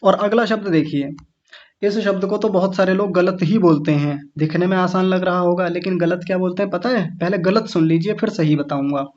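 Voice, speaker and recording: A man's voice: high-pitched, darkish tone, muffled recording. A man teaching an online class, patiently sounding out words syllable by syllable for his students. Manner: patient, slow syllable-by-syllable demonstration. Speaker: Sanskrit recitation teacher.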